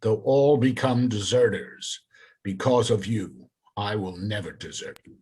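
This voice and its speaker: A man reading earnest, husky Peter. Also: fairly low pitch, measured pace, a little mellow. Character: Peter, earnest loyal male disciple. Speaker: reader in church passion play.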